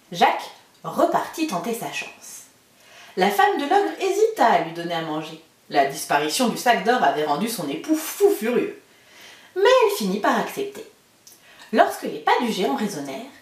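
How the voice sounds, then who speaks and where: A woman teacher reading a storybook aloud to children with lively, expressive narration. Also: mid-range voice. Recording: roomy, mic far off.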